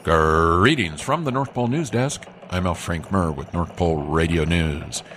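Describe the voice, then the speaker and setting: A man plays a Christmas elf anchoring a mock radio newscast. The voice is low, earnest and formally polite. Faint noise sits behind it. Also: measured pace, a bit bright. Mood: earnest, announcing. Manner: formal newsreader courtesy. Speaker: news anchor.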